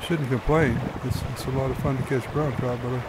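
A man's voice: medium pitch, steady tone, fairly quick, heavy background noise. A man hosting and narrating his own fishing video in an easygoing, folksy explaining manner. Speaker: fly-fishing guide and host.

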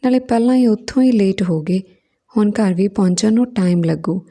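Woman reading an older mom-in-law, polite n fretting, mellow dark tone. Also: mid-range voice, fairly quick, lightly acted. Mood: fretful.

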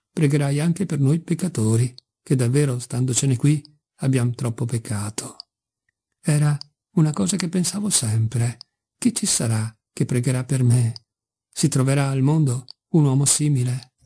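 Man reading a boozy, wicked, sentimental old father; low, husky, rambling and wheedling. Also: dark tone. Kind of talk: audiobook character reading.

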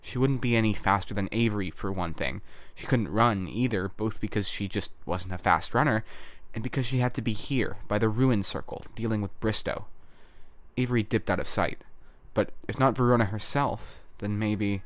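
A man reads an audiobook chapter in a measured, steady storytelling voice. His pitch sits on the lower side. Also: dry recording. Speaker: audiobook narrator. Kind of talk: scripted narration.

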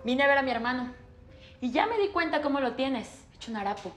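A woman's voice: sits high, lively intonation, brisk. An actress playing a blunt, protective sister who insists her brother is being abused. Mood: defiant.

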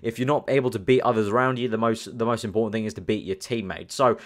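A young British man hosts a gaming channel, chatting casually over the screen as he rambles and thinks aloud, filling gaps with lots of fillers. His voice is lowish and fast, with fairly even intonation.

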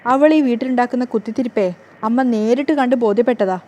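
A woman's voice: fairly high pitch, fast talker, mellow, natural voice. A woman reading as a scheming doting mother. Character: scheming middle-aged mother, spiteful yet doting.

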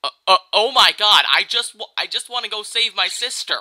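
An amateur voice actor plays a flustered boy hero in a video game parody, sounding whiny and exasperated. The delivery is sarcastic, halting, and casual, in a medium-pitched voice with a bright, forceful tone.

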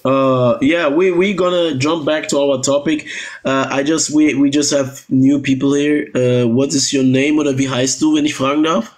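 Guy hosting a live stream, calm and mocking, keeps tossing in little tag questions, swaps between german and english. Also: medium pitch, normal speed. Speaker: livestream host. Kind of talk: casual live-stream chat.

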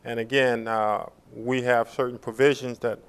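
Man, middle-aged, public service announcement, smooth resonant voice, measured and halting, frequent pauses. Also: mid-range voice, level tone. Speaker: police chief hosting a public information talk. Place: small indoor studio.

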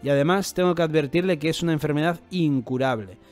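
Man doing a grave male doctor, measured, slightly high voice, soft music behind. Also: lightly acted. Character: grave male doctor delivering bad news.

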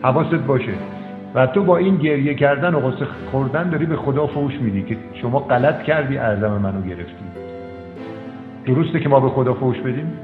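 A man counsels in a calm, firm voice, repeating short commands again and again. He sounds tinny and phone-like, in a roomy, reverberant space with faint music underneath. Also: medium pitch. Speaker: counselor addressed as doctor. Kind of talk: counseling session with a storytelling aside.

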